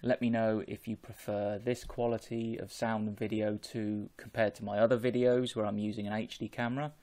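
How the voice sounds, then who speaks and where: A man, talking in a measured, explanatory way as a vlogger chatting casually on an earphone microphone at home. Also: on the low side, level tone, darkish tone. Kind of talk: casual chat to camera. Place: small home room with bookshelves.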